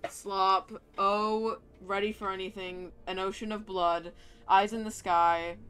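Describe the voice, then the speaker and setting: Excitable woman streamer chatting mid-game. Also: medium pitch, clean tone. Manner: excitable, quick bursts, giggly. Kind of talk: casual chat while gaming.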